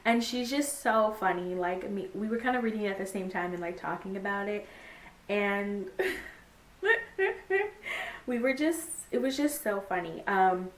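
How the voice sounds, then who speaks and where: A young woman talking casually about a book she read, gushing and animated, full of "like" and fillers. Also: normal speed. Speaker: book vlogger. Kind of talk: casual book review chat. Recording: echoey room, faint rumble.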